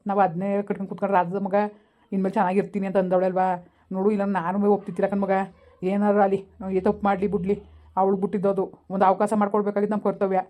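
A man acting a village father who gently coaxes his daughter to accept a gift, in an amateur family drama. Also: high voice, natural voice. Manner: coaxing, rapid rural colloquial speech.

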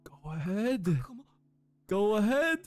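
Young man, twenties, anime reaction commentary, very animated pitch, bursts of shouting, close boom mic, small room. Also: takes it slowly, faint music behind. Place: small room indoors, in a gaming chair. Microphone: studio mic on boom arm, close.

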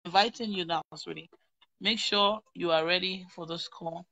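A woman's voice: on the low side, steady tone, moderate pace, bright, forceful tone. A young woman hosting a live-stream prayer chat on a phone in a small room, reading viewer comments aloud and exclaiming often. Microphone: phone camera at arm's length.

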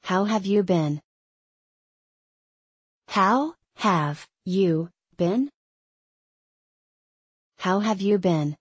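A woman reads short English phrases for learners in a dry studio voice-over with no echo, repeating each one several times. Her mid-range voice is very slow and pauses often, with careful, clear enunciation.

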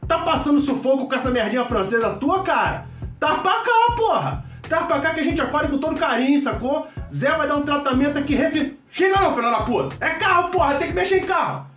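An actor playing a loud, brash middle-aged mechanic with a Carioca accent, who shouts, swears constantly and rambles in a comedy sketch. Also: male voice, very high-pitched, animated, a little fast. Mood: boisterous. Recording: echoey room, distant mic, faint music.

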